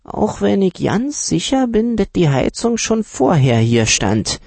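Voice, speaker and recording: A man voicing a shrewd, stingy middle-aged junk-dealer uncle with a pitched-up, drawn-out way of haggling. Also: very animated, vocal fry, darkish tone, no room sound, exaggerated voice.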